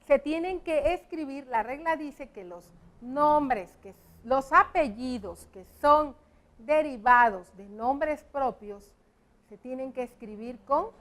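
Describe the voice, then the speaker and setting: A woman's voice: high-pitched, slow. A woman, a primary school teacher on an educational TV lesson, patiently explaining spelling rules step by step to children. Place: TV classroom set with a whiteboard.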